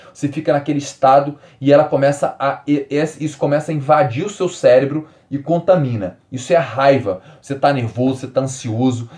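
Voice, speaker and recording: Animated Brazilian-born man teaching. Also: medium pitch. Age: 40s. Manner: animated, emphatic, repeats key words, drops to calm soft tones. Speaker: podcast host. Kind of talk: solo podcast teaching.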